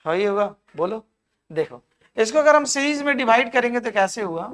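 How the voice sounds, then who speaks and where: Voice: medium pitch, expressive, moderate pace, a bit bright. A reasoning teacher, giving a live classroom lecture, counting aloud and urging students to answer. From Jharkhand.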